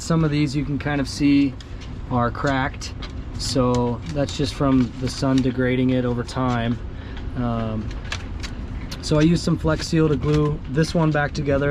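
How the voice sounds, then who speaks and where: A medium-pitched man, hoarse from a cold, vlogs aboard his sailboat in a windy marina, showing things off casually. He's relaxed and explains step by step, saying "um" a lot. The outdoor camera audio picks up wind and harbor noise.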